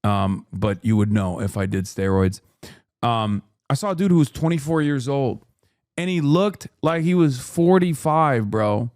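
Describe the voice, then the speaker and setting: A man's voice: mid-range voice, animated, measured pace, darkish tone, dry recording, clean studio sound. Rambling, profane man in his thirties. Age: 30s. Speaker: streamer host. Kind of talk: casual reaction commentary.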